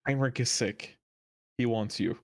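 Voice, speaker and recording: A man's voice: mid-range voice, no room sound, studio quality, lightly acted. A man voicing a worried, breathless middle-aged mother in a tabletop game. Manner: worried and hurried.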